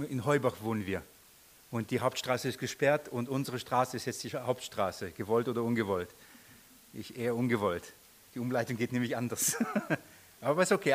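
A man's voice: mid-range voice, fairly bright tone. A middle-aged man, telling a personal story in a sermon, often restarting and laughing at himself.

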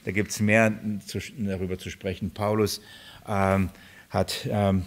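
Low-voiced man preaching haltingly. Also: little pitch movement. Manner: halting, repeats words, many fillers; addresses congregation directly. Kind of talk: sermon.

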